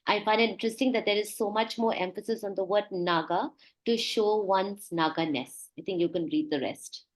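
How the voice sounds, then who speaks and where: A woman's voice: medium pitch, moderate pace, poor audio. A woman moderating an online panel, polite and hesitant, reading out audience questions with many fillers.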